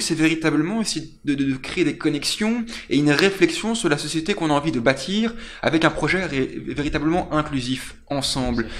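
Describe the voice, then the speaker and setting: Young man, political interview, earnest, desk mic, small studio. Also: on the high side. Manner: earnest, articulate with frequent restarts. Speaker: political candidate. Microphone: desk microphone.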